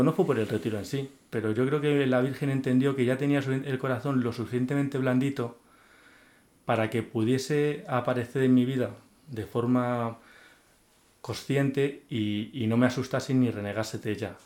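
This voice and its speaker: A man's voice: medium pitch, steady tone, moderate pace, darkish tone. Earnest man telling his faith story. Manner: earnest and heartfelt, with many restarts and repeated words. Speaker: guest giving a faith testimony. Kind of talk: emotional personal testimony in an interview.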